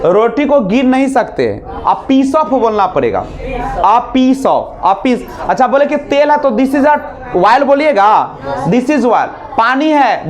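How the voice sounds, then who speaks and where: A man teaching a spoken English class in a classroom, drilling students with repeated questions and having them repeat after him. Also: high-pitched. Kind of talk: classroom lesson.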